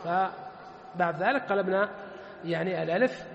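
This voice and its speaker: A man teaching Arabic word patterns, slowly repeating words and asking and answering his own questions. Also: high-pitched, creaky, dull audio. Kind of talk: classroom lesson with questions to students. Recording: echoey room with long reverb.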